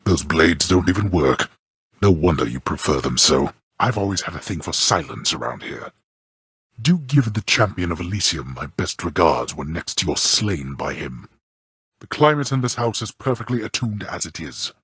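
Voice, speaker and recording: A haughty underworld god-king from a video game speaks in a very deep, heavily rasping voice that is a bit bright, delivering formal, dryly contemptuous judgments like a stern father. His pitch swings widely at a moderate pace in this heavily acted, theatrical character dialogue. The sound is close and dry, with no room sound.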